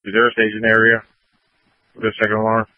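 Low, quick male firefighter on tinny radio. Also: monotone, no echo. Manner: brief, procedural. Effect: two-way radio. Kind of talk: radio field reports. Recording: tinny, narrow two-way radio line.

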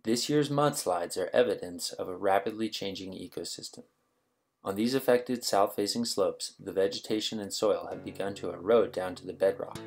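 A man's voice: low-pitched, moderate pace. A man reading scripted promotional documentary narration as the narrator. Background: music with plucked guitar.

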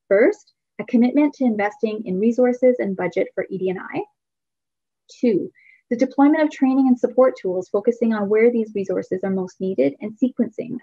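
A woman giving a keynote speech, reading a prepared presentation in a measured, formal way. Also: on the high side, dark tone, breathy edge, no room sound, dull audio. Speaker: keynote speaker.

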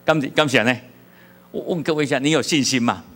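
A middle-aged pastor from Taiwan with a Taiwanese accent, preaching a sermon with humorous stories and questions to the congregation. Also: male voice, medium pitch, fast talker, fairly bright tone.

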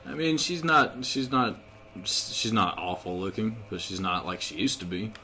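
A man's voice: on the low side, normal speed, pushed and bright, slight background noise. A man co-hosting a casual let's play, swearing a lot and making sarcastic crude jokes. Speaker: co-host. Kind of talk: casual gameplay commentary.

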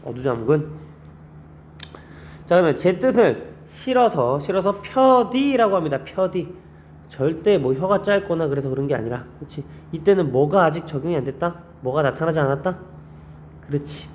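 Brief: male teacher, fairly high voice, animated lecture full of quiz questions, faint noise behind. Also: normal speed. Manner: quizzing students with constant rhetorical questions; lively, animated delivery with frequent pitch jumps. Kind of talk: classroom lecture on Korean grammar.

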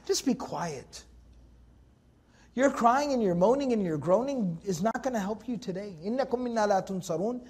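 A man teaching Quran commentary in a lecture, emphatic and conversational, driving his points home with rhetorical questions. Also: extremely high pitch. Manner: conversational, addresses listeners as folks.

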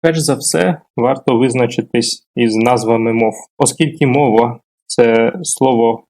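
A man, a language teacher, giving a formal, measured video lesson, reading out word pairs one by one. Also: medium pitch, darkish tone. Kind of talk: video lesson on grammar terms.

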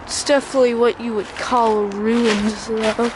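In a level tone and mid-range voice, a vlogger casually talks through a visit to ruins in riverside woods near a bridge, pausing and improvising as they go. The camera operator's handheld mic gathers noisy outdoor audio with vehicles going by.

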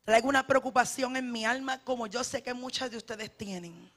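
A woman evangelist preaching a fervent sermon, often shouting, speaking straight to her congregation. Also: on the high side, a little fast. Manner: direct address to the congregation.

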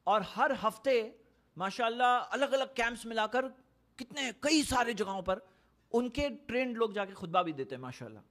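A man's voice: very high voice, expressive, moderate pace, a bit bright. A man from India giving an earnest, explanatory religious talk in a conversational way, repeating points for emphasis. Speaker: Islamic speaker. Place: Saudi Arabia.

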